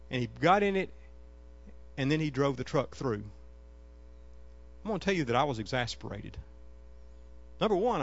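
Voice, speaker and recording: A man preaching a sermon, telling a personal story earnestly, rising to emphatic peaks and dropping to soft, hushed tones. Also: medium pitch, dull audio. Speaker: pastor.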